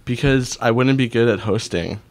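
A man's voice: medium pitch, moderate pace. A shy man guest-hosting a casual chat, self-deprecating about being nervous. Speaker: guest co-host.

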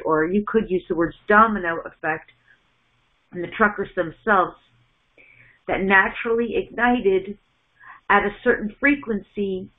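A middle-aged woman delivers a channeled spiritual message in a halting, measured way, often restarting and repeating words, recorded at home on a wired earphone mic. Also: mid-range voice. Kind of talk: channeled message in first person plural. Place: small indoor room at home. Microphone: wired earphone mic on a webcam call. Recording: phone-like narrow sound.

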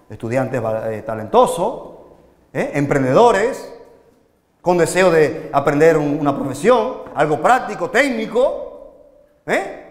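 Animated man preaching in a hall. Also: a little high. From Dominican Republic. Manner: animated, rhetorical questions, swings loud and soft. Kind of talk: live sermon to young people. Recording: echoey hall, long reverb.

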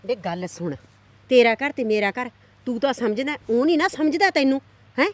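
A woman's voice: on the high side, moderate pace, dry recording, natural voice. A woman playing a scheming middle-aged village aunt who nags, coaxes and stirs up trouble. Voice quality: loud, nagging, coaxing. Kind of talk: village drama acting.

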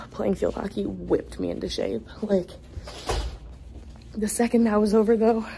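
A young woman narrates a casual vlog into her phone, speaking slowly and wandering from thought to thought. She sounds tired and a bit winded, and a faint background hum sits under her voice. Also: medium pitch, fairly even intonation, creaky. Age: young adult. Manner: chatty, rambling, tired. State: out of breath. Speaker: vlogger. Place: dorm stairwell and rooms.

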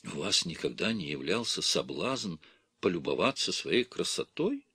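A man reading an audiobook, voicing an older mother superior who asks hushed, insinuating questions. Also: low voice, big pitch swings, normal speed, husky, no echo, studio quality, pitched below the performer's own voice, heavily acted. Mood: hushed probing.

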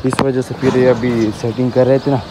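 A young man in his twenties talks casually to the camera of a phone held at arm's length, giving a walking tour outdoors. His pitch sits in an ordinary middle range, and he keeps tagging "na" onto his lines. Clear outdoor noise and birdsong fill the background. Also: little pitch movement, a little fast. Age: 20s. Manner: chatty, keeps tagging "na" onto lines while showing viewers around. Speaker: vlogger. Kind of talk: casual home-tour vlog. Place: outdoors on a rooftop and a village yard.

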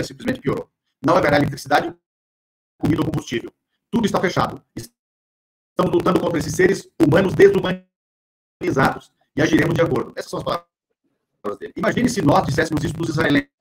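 A man, a professor joining remotely by video call, reads quotes aloud and comments on them in a halting way, his audio choppy and crackling as the call keeps breaking up. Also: a little high, lively intonation. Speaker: professor, guest on a live online show.

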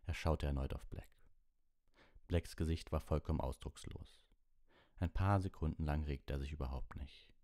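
A man reading an audiobook in a steady, measured narration. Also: very deep voice, no echo, clean studio sound. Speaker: audiobook reader.

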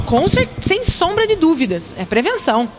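Young woman vet talking into a handheld mic, high voice, keeps restarting sentences. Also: wildly swooping pitch, normal speed. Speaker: veterinarian speaker. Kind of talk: on-camera interview. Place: indoor hall. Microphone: handheld interview mic.

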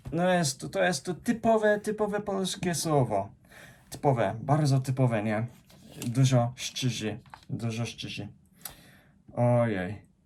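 A man's voice: mid-range voice, a little mellow. A young man from Japan, speaking in a Japanese accent and working carefully through his words in a casual vlog, often stopping and restarting on hard sounds. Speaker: vlogger.

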